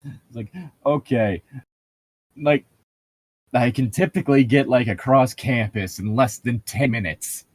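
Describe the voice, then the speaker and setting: Reading a book aloud only to mock it, a young male co-host banters casually in a sarcastic, freely profane way. He speaks in a mid-range voice, unhurried, with frequent pauses.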